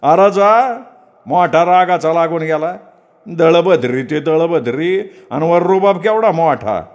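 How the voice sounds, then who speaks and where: A man voicing a hot-tempered village shopkeeper who sneers and scolds in a loud, raised voice. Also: on the high side, slow, voice pushed up. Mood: sneering.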